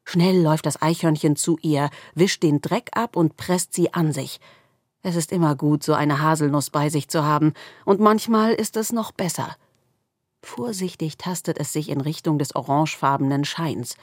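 A woman reading a children's book aloud with expressive, lively storytelling. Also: deep voice, moderate pace, no room sound, clean studio sound. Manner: lively storytelling with rising tension. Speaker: story reader.

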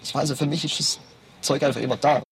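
A man, a collector, answering in a recorded interview through a pitch-shifted, distorted voice, speaking haltingly with fillers. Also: fairly even intonation, breathy edge, no echo. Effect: pitch-shifted distorted voice for anonymity.

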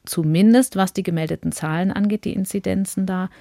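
Female podcast host, mid-pitched, probing, dry close sound. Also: steady tone, fairly quick, dark tone, no echo. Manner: probing, sets context before questions. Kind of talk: podcast interview, asking questions.

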